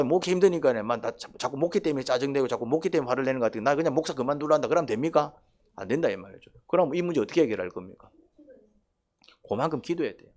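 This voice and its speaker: A man's voice: mid-range voice, a little mellow. A man preaching a sermon as pastor, asking the congregation questions and acting out quoted voices.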